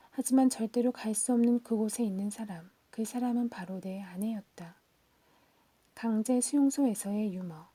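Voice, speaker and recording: A woman giving a whispered audiobook reading in a soft, hushed and steady manner. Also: fairly high pitch, no echo. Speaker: audiobook reader.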